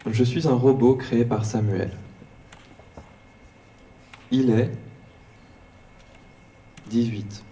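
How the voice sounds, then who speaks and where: Slow, dark synthetic robot voice, male. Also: mid-range voice. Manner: slow, flat, word-by-word delivery in choppy fragments. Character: robot guide of a stage performance, male-voiced, even-tempered. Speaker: performance guide. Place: performance hall. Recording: distant voice with faint room noise.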